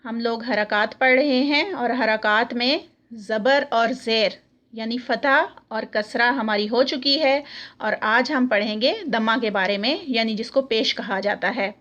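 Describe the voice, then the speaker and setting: A woman with a Pakistani Urdu accent, teaching Quran reading and reciting letter sounds slowly. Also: fairly high pitch, fairly bright tone, highs cut off. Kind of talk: recorded Arabic letter lesson.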